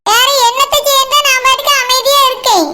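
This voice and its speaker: A woman voicing a shrill stern household matron. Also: steady tone, brisk. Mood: scolding. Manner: scolding, firm. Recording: loud background noise.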